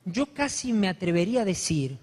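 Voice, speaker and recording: A man preaching a sermon, building to loud, fervent emphasis. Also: high voice, big pitch swings, brisk, breathy edge. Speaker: pastor. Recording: long hall reverb.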